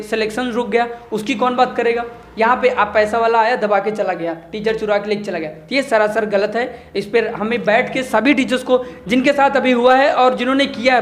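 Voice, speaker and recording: A man who is a teacher speaking passionately in a discussion, making a moral appeal to his listeners. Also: very high-pitched. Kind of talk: opinion discussion.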